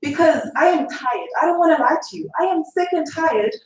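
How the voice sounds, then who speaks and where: A young woman from Zimbabwe asks an emotional question from the floor, shaky and urgent, talking fast. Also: sits high, lively intonation. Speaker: audience member asking a question. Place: lecture hall at a public event. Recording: echoey hall, far from mic.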